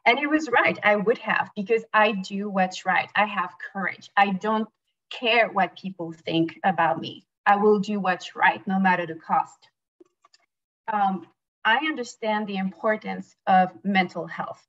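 French-accented woman in her 40s, candidate pitch, emphatic and earnest, dull webcam sound. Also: measured pace, fairly bright tone. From France. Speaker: judicial candidate and prosecutor. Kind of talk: campaign speech. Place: indoors, small plain room. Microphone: webcam on a video call. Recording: dull lo-fi video call audio.

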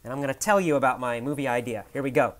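A male English teacher retells a simple story as a lesson, with lively, dramatic shifts in pitch and loudness. He slows down on the key lines and pauses to fix his own slips as he explains the grammar. His voice sits at an ordinary middle pitch. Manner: thinks aloud with fillers and self-corrections.

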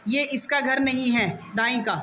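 A woman's voice: high-pitched, fairly even intonation, a little slow, a bit bright. A woman teaching young pupils in a classroom, patiently explaining step by step and coaxing answers with questions. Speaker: primary school teacher. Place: busy classroom. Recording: noisy classroom recording.

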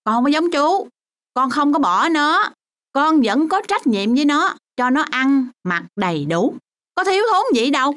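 An actress playing a harsh, dismissive mother in a radio drama, answering with sharp, sarcastic retorts. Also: sits high, very animated, unhurried, full character voice. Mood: defensive.

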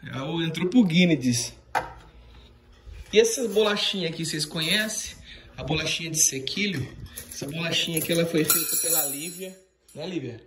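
A young man with a Brazilian Portuguese accent talks in a high, bright voice while filming his family on a phone. He jokes and teases constantly, in a loose home-vlog style. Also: moderate pace, a crowd in the background. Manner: joking, teasing, laughing. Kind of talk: casual vlog chat. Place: home kitchen, indoors. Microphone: phone camera he holds.

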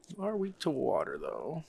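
A channel host plays a card game while thinking out loud, offering easygoing play-by-play. His voice sits high, creaky and darkish, with a little hiss or hum in the background.

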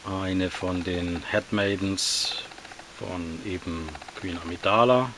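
A man casually reviewing action figures, talking in a relaxed, slightly halting way while he handles them. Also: deep voice, noisy background.

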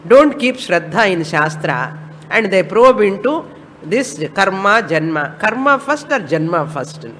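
A man's voice: high-pitched, fairly bright tone. A man with a South Indian accent and Tamil as his first language, giving a religious discourse as a spiritual teacher, emphatic and repeating his phrases to drive them home. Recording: long hall reverb with background noise.

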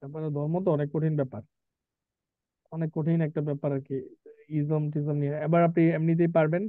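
A man's voice: a little high, flat delivery, dry recording. A man teaching an English vocabulary class, explaining words and quizzing his students. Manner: asks students questions, reads definitions slowly. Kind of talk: live class lecture mixing Bengali and English. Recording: tinny phone-like line.

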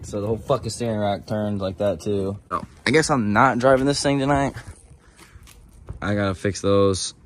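Young guy vlogging his car build, kinda low voice, chill and slangy, lots of cussing, noisy garage in the background. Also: moderate pace. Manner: slangy, profane, laid-back. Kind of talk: casual vlog narration.

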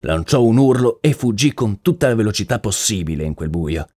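A man's voice: on the low side, lively intonation, a little fast, darkish tone, no echo, studio quality. A man voicing an uneasy, deferential horse trainer. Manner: storytelling, plainspoken, deferential. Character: earnest male horse trainer, uneasy and talkative. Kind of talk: audiobook character reading.

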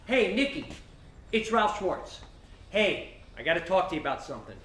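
A frazzled, rambling man, played by a stage actor in a live comedy, his voice pitched very high and swooping all over as he fumes. He sounds roomy and distant, picked up from across a theater stage with a faint hiss behind him. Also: big pitch swings, moderate pace, fairly bright tone. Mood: exasperated. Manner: exasperated, rambling, talking to himself. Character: flustered middle-aged man baffled by a giant meatball.

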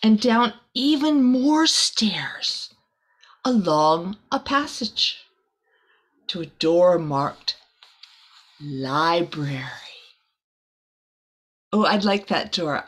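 In a small room, a middle-aged woman with a fairly low voice reads a children's picture book aloud with lots of expression, tossing casual asides to the young listeners.

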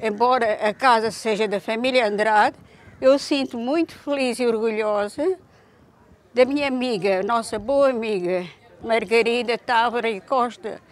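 Older woman, higher voice, warm proud interviewee. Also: unhurried.

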